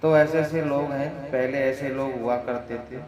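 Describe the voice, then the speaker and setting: A man's voice: medium pitch, fairly even intonation, moderate pace. Man telling a folk tale, roomy sound. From north India. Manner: loose, self-correcting storytelling. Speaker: storyteller. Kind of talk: casual folk-tale narration. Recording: roomy sound with crowd chatter behind.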